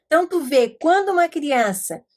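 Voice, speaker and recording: A woman from Brazil, middle-aged, with a somewhat high voice, teaches in a relaxed, chatty way. She lingers on letter sounds one by one and slips into stories about her pupils. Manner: explanatory, sounds out letters slowly, tells anecdotes. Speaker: educator teaching literacy methods. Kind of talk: informal teaching talk.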